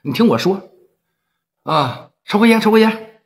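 A man with a Northeastern Chinese accent voicing a tough, smooth-talking gang leader who speaks firmly and persuasively. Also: high voice, animated, a little slow, pitched above the performer's own voice, full character voice. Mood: pleading. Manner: firm, persuasive.

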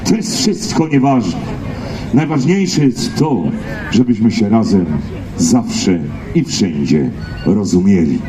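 A man's voice: lowish voice, expressive, slow, dark tone. A man with a Silesian accent telling folksy comic stories to a live audience, exclaiming and repeating phrases as he addresses the crowd. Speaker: stage entertainer and singer. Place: live stage at a picnic event. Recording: echoey live PA with music.

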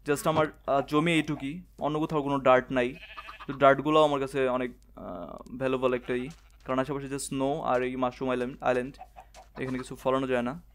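A young man, quietly commentating his gameplay in a soft, hushed voice late at night. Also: mid-range voice, slight background noise. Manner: talks softly and quietly, late-night hush. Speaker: gamer channel host.

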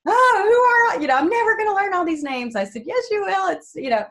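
A woman in her forties from New Jersey, a guest telling lively family stories over a video call from her home. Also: very high-pitched, fast talker. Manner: animated storyteller who acts out quoted family members. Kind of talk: casual faith interview.

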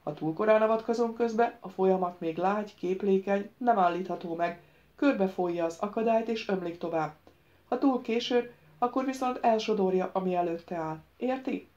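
A woman voicing a stout mustached official, commanding, lecturing, audiobook, muffled lo-fi sound, mid-pitched. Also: warm tone, close to an everyday voice. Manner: lecturing, deliberate, firm. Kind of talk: audiobook reading.

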